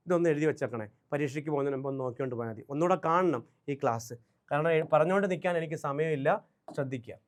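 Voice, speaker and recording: A man with a Malayali accent teaching an exam revision class online, spelling words out letter by letter and pushing through quickly. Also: on the high side. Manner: brisk, drills spellings letter by letter, urges students to write things down. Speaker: exam-prep English teacher.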